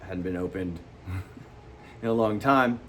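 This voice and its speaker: A man hosting a motivational talk to camera, speaking animatedly and jumping up in pitch for emphasis, acting out quoted people. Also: slow, a little hiss or hum. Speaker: host.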